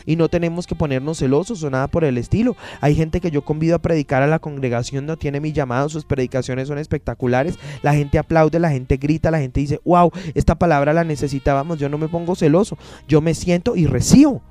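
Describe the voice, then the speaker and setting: A man's voice: on the high side, brisk, few pauses, mellow. A man preaching a sermon as pastor, emphatic and repeating his phrases, acting out the people he quotes.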